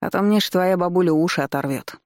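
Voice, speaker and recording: A woman's voice: fairly low pitch, quick pace, a little mellow, dry recording, close to an everyday voice. A woman voicing a cocky young village man who keeps teasing and provoking, recorded dry and close.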